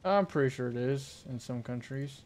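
A man hosts a gaming livestream in relaxed chat. He jokes around and teases his friend in a self-deprecating, offhand way. His voice sits at a middling pitch. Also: normal speed. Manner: joking, self-deprecating banter. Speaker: streamer.

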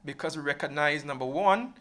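A man speaking as a panelist in an academic discussion over a video call, hesitant and filling pauses with "um". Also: on the high side, a bit bright. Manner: hesitant, many fillers.

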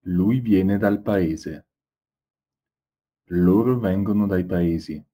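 A man reads practice words one at a time, in a very slow and measured way. His voice is low, dark and mellow, with a slightly husky edge. It sounds like a scripted drill for learners. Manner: measured, isolated words with long pauses. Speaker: language teacher reading drills. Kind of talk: slow scripted word-list reading.

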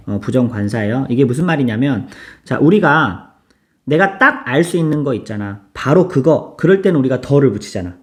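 A man's voice: medium pitch, a little mellow. Chatty male grammar teacher. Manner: chatty, mixes casual and polite speech, asks students to repeat. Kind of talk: casual lecture to students.

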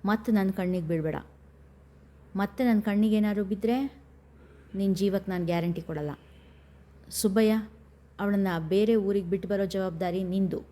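A woman's voice: medium pitch, fairly even intonation, normal speed, pauses often, warm tone, close to an everyday voice. A woman voicing a scheming, menacing older brother who speaks in a heavy, brooding way. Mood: threatening.

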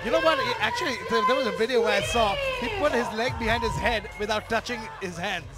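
A man doing live fight commentary, excitable and full of exclamations. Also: sits high, quick pace, loud music behind the voice, over a noisy crowd.

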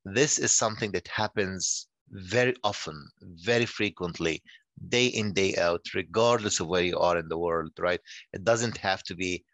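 Halting older man on a video call. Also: sits low, a bit bright, no room sound. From Nigeria. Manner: halting, many repeated words. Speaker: guest speaker. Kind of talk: online conference talk.

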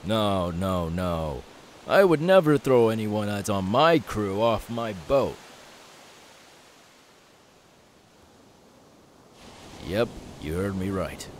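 This is an ASMR audio roleplay where a man plays a young pirate captain, confident and friendly. He sounds easygoing, unhurried and reassuring, his pitch sitting fairly low. Steady hiss lingers in the background of the recording.

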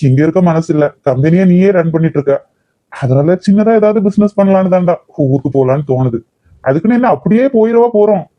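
A man voicing a gentle, affectionate older father in a cartoon who is about to become a grandfather. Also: fairly high pitch, no echo, muffled recording, natural voice. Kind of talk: cartoon voice acting.

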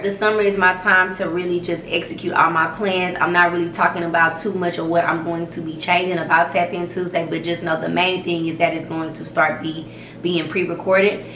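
A young woman hosting her own vlog, telling a story in a profane, emphatic, animated way. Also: fairly low pitch, echoey room, slight background noise. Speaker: vlog host. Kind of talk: casual storytelling rant.

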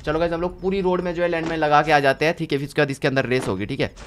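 A man's voice: on the high side, fairly even intonation, racing, a little hiss or hum. A young man streaming a shooter game live, telling his teammates what to do and thanking viewers for support. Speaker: gaming streamer.

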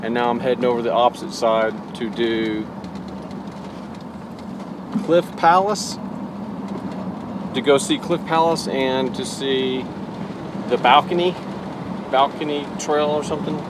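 A man in his forties talks to a camera on the dashboard of his camper van in a loose, rambling way, often stopping to correct himself. His voice sits at an ordinary middle pitch. A clear steady noise runs under him in the van. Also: a little slow, pauses often. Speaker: travel vlogger. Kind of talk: casual vlog to camera. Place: inside a parked camper van. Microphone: camera on the dashboard at arm's length.

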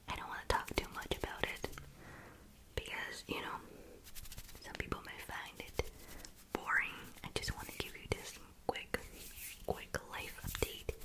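A young woman whispering fast, casual ASMR chat softly and gently, very close to the microphone. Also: rough recording. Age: young adult. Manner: soft, unvoiced whisper, gentle rather than aggressive. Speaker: ASMR video creator. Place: small indoor room. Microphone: large foam-covered mic very close to the mouth.

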